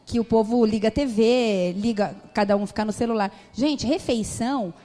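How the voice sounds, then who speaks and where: A woman's voice: on the high side, moderate pace, big-room sound. A young adult Brazilian woman pastor preaching a sermon in church, telling stories animatedly and acting out family arguments. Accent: Brazilian Portuguese. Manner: animated storytelling, acts out family dialogue. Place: church hall.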